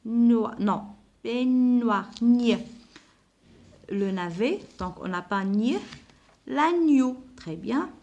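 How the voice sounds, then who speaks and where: A woman teaches young pupils at a slow, careful pace, in a voice pitched a little high. She says each word several times and spells out its letters and sounds. Now and then she drops in an Arabic word to explain the meaning. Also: animated, darkish tone, muffled recording. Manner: spells out letters and sounds, repeats words slowly; mixes in Arabic words to explain vocabulary. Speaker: primary school teacher. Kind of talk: slow classroom lesson explanation.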